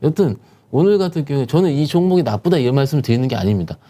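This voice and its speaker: A man talks through the stock market with a lively, swooping voice, pressing his points with rhetorical questions. His tone is dark and mellow. He sounds like a securities professional giving a guest commentary. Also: mid-range voice, very fast. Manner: animated, emphatic explanation with rhetorical questions. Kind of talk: explaining stock market conditions.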